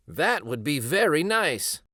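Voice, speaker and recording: Reading a picture book, a man plays a gentle old grandfather who used to be a street storyteller, musing nostalgically and slowly with small hesitations and little ums. His fairly high, slightly raised, exaggerated voice rises and falls in a lively way. The studio-quality recording has no room sound.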